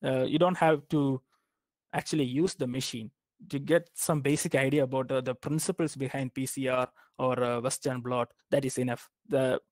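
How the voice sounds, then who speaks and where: A man's voice: medium pitch, darkish tone, no room sound. Hesitant young man giving career advice. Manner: hesitant, many fillers and restarts. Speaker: guest speaker. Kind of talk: informal academic advice talk.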